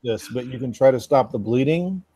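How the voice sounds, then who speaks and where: A man narrating as game master of a tabletop game, measured and relaxed, with casual fillers. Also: mid-range voice, breathy edge, dry recording.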